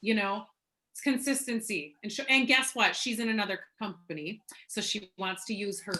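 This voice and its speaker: A woman leading a casual team call, chatty and excitable, rambling from one story to the next. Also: medium pitch, normal speed, slight background noise, rough recording. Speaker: team leader.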